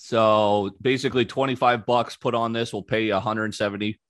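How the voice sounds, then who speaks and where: Casting note: man hosting a betting show, low voice, dry close sound, chatty and opinionated. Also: level tone, a little fast, no echo. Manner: breezy, opinionated, frequent ums. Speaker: sports betting podcast host. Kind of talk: casual sports betting talk.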